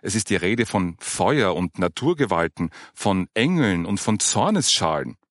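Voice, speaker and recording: A man's voice: low voice, big pitch swings, unhurried, dry recording, clean studio sound. A man voicing a puzzled male listener who questions what he reads. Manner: bewildered, questioning.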